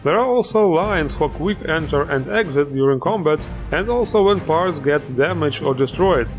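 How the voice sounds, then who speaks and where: A man's voice: on the high side, lively intonation, moderate pace, soft background music. A man hosting a game mod showcase, upbeat and joking, with plenty of enthusiasm. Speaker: host.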